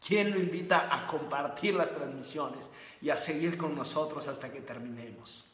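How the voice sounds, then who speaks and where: A man's voice: fairly high pitch, moderate pace, a bit bright, slight background noise. A man hosting a motivational livestream, speaking emphatically and repeating phrases and rhetorical questions. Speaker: host of a live book-review stream. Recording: echoey room with long reverb.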